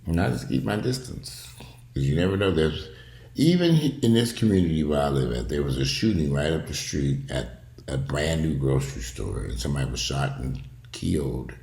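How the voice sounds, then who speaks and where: A man's voice: a bass voice, expressive, moderate pace, gravelly, darkish tone, reverberant. A man giving casual, opinionated video commentary at home, talking in a blunt, profane, rambling way. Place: indoors at home.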